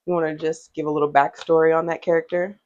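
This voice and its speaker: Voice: mid-range voice, flat delivery, quick pace, a little mellow, muffled recording. A podcast co-host asking short prompting questions in a casual chat.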